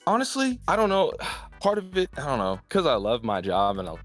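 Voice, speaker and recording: A man's voice: mid-range voice, huge pitch swings, a little fast, soft background music. A man in his twenties, a football player guest, chatting in a laid-back way over a video call and laughing often. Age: 20s. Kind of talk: casual chat.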